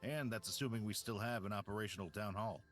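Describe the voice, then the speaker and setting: An actor playing an earnest, beleaguered town official in a video game, measured and formal. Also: male voice, fairly low pitch, a bit bright, faint music behind, lightly acted. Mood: weary concern.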